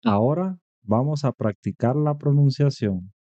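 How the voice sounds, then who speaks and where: A man teaching Spanish to beginners in a scripted lesson narration, with a slow, careful, encouraging delivery. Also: medium pitch, mellow, lo-fi sound.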